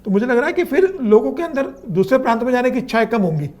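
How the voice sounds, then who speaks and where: Middle-aged journalist, a man, high voice, emphatic panel opinions. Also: very animated, a little mellow. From Madhya Pradesh, India. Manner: emphatic, opinionated, quick to agree. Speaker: senior journalist. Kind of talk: panel discussion.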